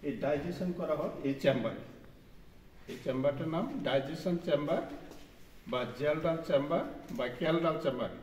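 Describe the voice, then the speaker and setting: A man's voice: fairly high pitch, normal speed, a little mellow. A man guiding students through a laboratory, naming each machine and explaining its use step by step. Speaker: lab instructor. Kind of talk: lab equipment tour explanation. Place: large echoey laboratory. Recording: roomy echo, long reverb, faint noise.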